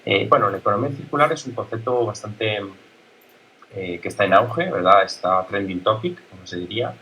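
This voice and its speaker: An Italian man, a native Italian speaker, giving a conference talk as a guest speaker, halting, with many fillers and restarts. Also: fairly low pitch, animated, bright, forceful tone, a little hiss or hum, rough recording. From Italy.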